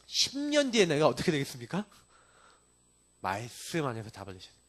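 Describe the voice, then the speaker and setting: A man preaching a sermon as pastor, emphatic and lively, mixing in personal testimony. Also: mid-range voice, a little fast.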